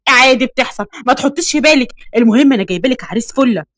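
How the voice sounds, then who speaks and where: A woman's voice: high voice, animated, very fast, no echo, clean studio sound. Woman doing a teasing Egyptian best friend. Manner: teasing, dismissive. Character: pushy, cheerful young female best friend.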